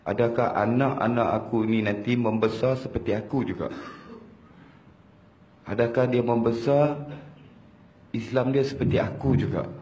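A Malaysian man in his thirties tells a religious testimony. His delivery is emotional and repetitive, and it swings from loud to hushed. His voice sits in a middle pitch and rings through a roomy hall over a faint hum of ambience. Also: fairly even intonation, normal speed, pauses often. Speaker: religious speaker giving a testimony.

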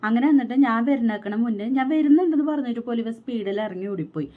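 In a tinny, narrow recording, a young woman who is pregnant vlogs about something that happened to her. Her voice is fairly high and expressive, and she tells it fast and resentfully, repeating what others said to her.

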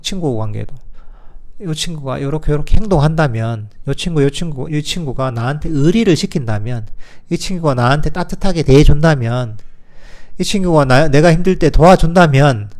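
Gentle teaching monk. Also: male voice, on the high side, lively intonation, moderate pace. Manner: gentle, soothing when voicing self-compassion; rhetorical questions, plain conversational teaching. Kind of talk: dharma talk answering questions.

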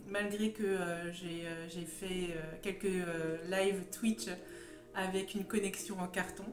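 A woman's voice: lowish voice, steady tone, slow. A woman in her thirties with a sore throat chats casually and hesitantly as she hosts a homemade hobby vlog. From Champagne, France. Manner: talkative, hesitant, wandering. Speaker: hobby video host, first-time vlogger. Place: room at home with stone walls. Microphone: phone at arm's length or slightly further. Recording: roomy, echoing phone recording with faint music.

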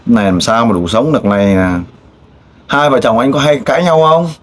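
A man interviewing a guest in a casual way, pressing with pointed, teasing questions and loud exclamations. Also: medium pitch, a little fast, slight background noise. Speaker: street interviewer.

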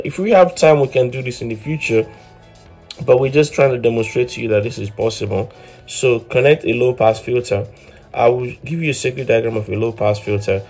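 A man in his thirties hosts an electronics DIY channel, giving an informal hands-on tutorial. His voice is medium-pitched, creaky and darkish in tone. He explains step by step, often repeating words as he goes.

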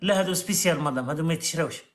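A man with an Algerian accent hosting a live stream, talking fast and arguing with an exasperated edge. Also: a little high, slight background noise. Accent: Algerian Arabic. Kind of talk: heated live stream debate. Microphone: phone on a live stream.

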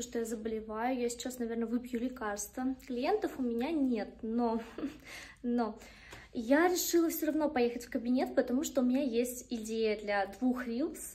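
A manicurist vlogger in her twenties, her voice slightly high and darkish, chats casually to a phone held at arm's length, a little self-deprecating. She's in small indoor kitchen and studio rooms, with background room noise clearly audible.

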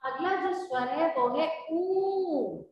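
A woman teaching young children, slowly explaining with example words, stretching the vowels and checking whether the children understood. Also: very high voice, recorded from a distance, muffled recording. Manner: asks the children if they understood. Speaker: primary school teacher. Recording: echoey classroom with faint background noise.

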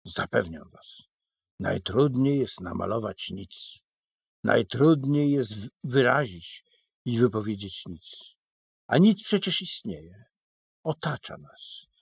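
A man's voice: mid-range voice, expressive, slow, vocal fry, slightly rough, no room sound, heavily acted. A man voicing an eccentric, boastful, burly male painter who declaims grandly in a storybook reading. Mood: grandiose.

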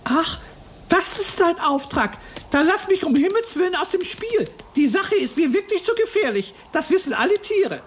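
A woman's voice: very high-pitched, big pitch swings, normal speed, a little hiss or hum. A woman voicing Theodor, a panicky cowardly hare. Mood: reluctant. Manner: panicky, wailing pleas. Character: timid cowardly male hare. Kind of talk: puppet play voice acting.

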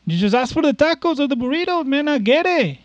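A man's voice: extremely high pitch, big pitch swings, fast, dry recording, highs cut off, voice pushed up. A man voicing an easygoing, friendly Mexican American man with a Mexican American accent and a breezy, eager-to-please manner.

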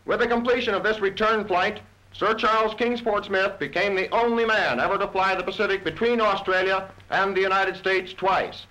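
An old newsreel narrator, a man with a high, bright, forceful voice delivering scripted lines in a brisk, excited announcer style. The sound is a scratchy 1930s newsreel soundtrack with a thin, lo-fi edge. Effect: old newsreel voice-over.

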